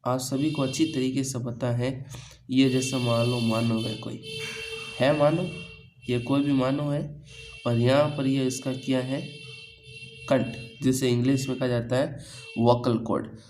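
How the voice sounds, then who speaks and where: In a coaching-class pronunciation lesson, an Indian English teacher keeps turning key points into questions for students, then answers them himself. He speaks a little slowly at medium pitch with little pitch movement, against a noisy background.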